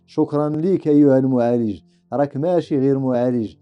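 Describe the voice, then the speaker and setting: A man's voice: medium pitch, fast, muffled recording, soft background music, lightly acted. A man voicing the whole spine as a solemn, thankful chorus in a podcast skit. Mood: grateful.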